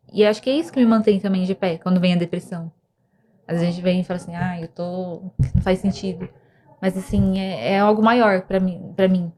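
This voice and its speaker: A woman's voice: mid-range voice, a little mellow. A young woman, earnestly telling a personal story of faith and depression as a podcast guest, with many restarts. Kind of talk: emotional personal testimony.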